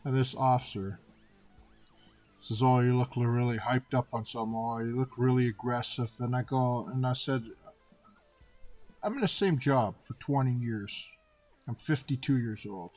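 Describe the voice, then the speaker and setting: Animated man in his fifties telling stories. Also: mid-range voice, moderate pace, long pauses, faint music behind. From Canada. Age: 50s. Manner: animated retelling, acting out dialogue with repeated "and I said". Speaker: artist telling personal stories. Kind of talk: casual storytelling monologue.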